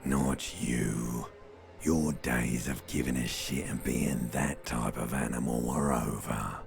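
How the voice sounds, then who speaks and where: A man playing an ancient primordial voice inside someone's head in a video game, soothing yet mocking and nihilistic, in a gravelly, menacing growl. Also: a bass voice, steady tone, over music, full character voice. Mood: mocking, dismissive. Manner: slow, drawn-out, menacing delivery.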